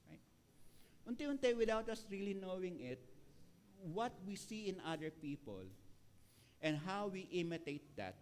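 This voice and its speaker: A man's voice: high-pitched, slight background noise. A middle-aged Filipino man with a Filipino accent preaching a sermon as pastor, switching between Tagalog and English with playful asides to the congregation. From Philippines.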